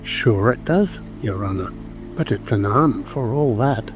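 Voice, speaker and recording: A rustic servant creature from a storybook played by a man, deferential yet reluctant. The folksy voice swings widely in pitch over music and rain. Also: animated, unhurried, close to an everyday voice. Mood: servile, reluctant. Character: servile, reluctant rustic male animal servant. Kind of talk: dramatic audiobook character acting. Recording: music and rain ambience behind.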